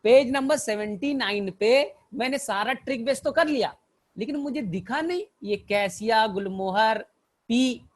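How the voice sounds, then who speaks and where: A man's voice: extremely high pitch, measured pace. A male teacher giving a botany lecture through mnemonic stories, who keeps calling his students "beta" and asks and answers his own questions.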